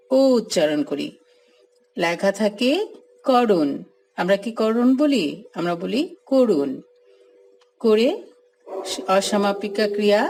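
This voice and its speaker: A woman's voice: mid-range voice, darkish tone, rough recording. A woman with a Bangladeshi Bengali accent teaching a grammar lesson, spelling words out letter by letter and repeating each point. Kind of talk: grammar lesson, slow explanation.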